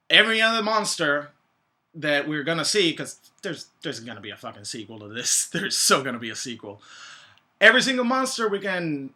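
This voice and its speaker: A man's voice: a little high, bright, forceful tone. A man giving a casual movie review rant, informal and sweary, with emphatic points and trailing asides. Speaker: film reviewer.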